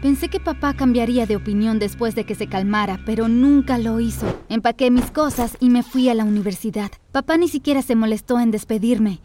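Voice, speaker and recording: A young woman tells a first-person story, reading it with expressive, dramatic turns. Her voice sits high, and soft music runs faintly underneath. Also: fairly quick, few pauses. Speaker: narrator.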